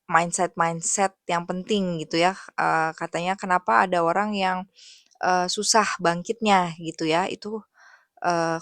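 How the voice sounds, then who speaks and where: Soft-spoken low-voiced woman vlogger. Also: no room sound. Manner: soft-spoken, thoughtful, many fillers. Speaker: English teacher and vlogger. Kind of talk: casual reflective monologue.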